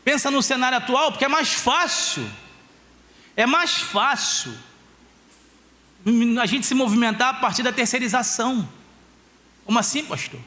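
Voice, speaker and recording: A male pastor giving an impassioned sermon at a church conference, slowing down to stress key phrases and telling stories about his family. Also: extremely high pitch, sharp tone. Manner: storytelling with family anecdotes.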